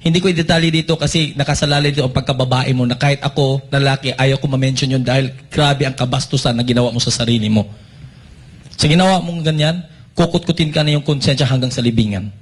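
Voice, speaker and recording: A man's voice: mid-range voice, breathy edge. A Filipino man making an impassioned, accusatory statement on behalf of his church. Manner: accusatory, emphatic. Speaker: church member speaking out.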